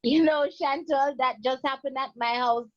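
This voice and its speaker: A woman in a group session jumping in with her own anecdote in a lively, emphatic way. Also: sits high, moderate pace, dull audio, a crowd in the background. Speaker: participant. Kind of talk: casual anecdote.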